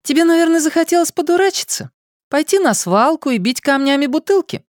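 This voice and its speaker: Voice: high-pitched, expressive, a little fast, dry recording, clean studio sound, voice pushed up. A reader voicing a spirited girl who answers the boys with mocking retorts. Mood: teasing. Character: spirited girl, sharp-tongued and teasing.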